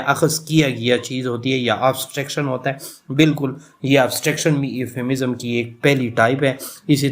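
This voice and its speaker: Man giving a lecture. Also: medium pitch. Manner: explains in Urdu mixed with English terms, many fillers. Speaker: professor. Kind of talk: lecture on English literature.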